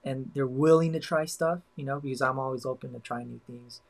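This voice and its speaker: A man's voice: mid-range voice, fairly even intonation, brisk, vocal fry, rough recording. Rambling young man in casual chat. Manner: rambling, many fillers like "you know". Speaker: podcast co-host.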